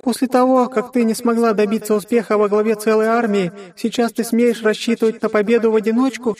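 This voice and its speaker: A man voicing an ancient demon in a little girl's body, haughty and mocking, in a booming, scornful way. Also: level tone, fairly quick, a little mellow, natural voice. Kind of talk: audiobook character voice.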